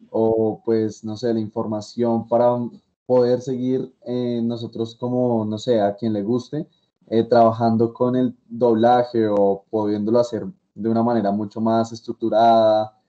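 A man, a workshop participant, asking a question haltingly and searching for words. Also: medium pitch, dark tone. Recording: muffled video call audio.

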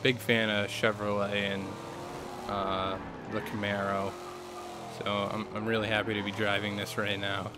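A young gaming YouTuber, hoarse and scratchy-throated from a cold, chats casually with lots of fillers during a let's play of a racing game. His low-ish voice moves little in pitch and stays unhurried, heard over loud car noise from the game.

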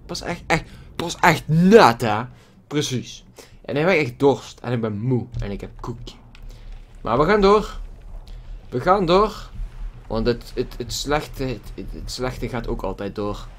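A man's voice: mid-range voice, very animated, unhurried, a bit bright. A man giving casual gameplay commentary at his computer, swearing a lot with exaggerated frustration. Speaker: gaming YouTuber. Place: at a computer desk with a loud keyboard. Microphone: desk microphone.

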